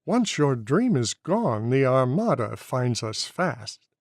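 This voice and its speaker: A man voicing an eager, friendly young male airship pilot who talks in a brisk, reassuring way. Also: medium pitch, big pitch swings, no echo, studio quality.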